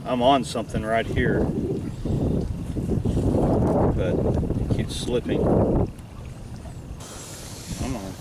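A man's voice: medium pitch, fairly even intonation, slow pace. A middle-aged man giving casual running commentary while magnet fishing on a lake dock, thinking aloud in a matter-of-fact way as he works. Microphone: camera mic, filmed from a few feet away. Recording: distant camera mic, loud wind and water noise.

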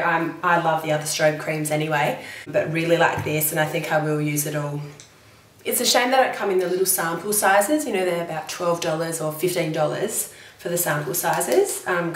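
A woman with a voice hoarse from illness, casually chatting through a beauty product review at home, rambling with many ums. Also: deep voice, roomy sound, distant mic. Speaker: beauty vlogger. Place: home room, child nearby.

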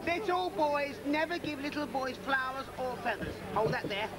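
A man's voice: extremely high pitch, animated, moderate pace. A middle-aged man doing kids party magician patter, theatrical and teasing, repeating commands to the children. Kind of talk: live kids' magic show patter. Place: outdoors on a lawn, garden party. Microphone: camcorder a few metres away. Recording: noisy outdoor camcorder, children's crowd around. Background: children's crowd, outdoor noise.

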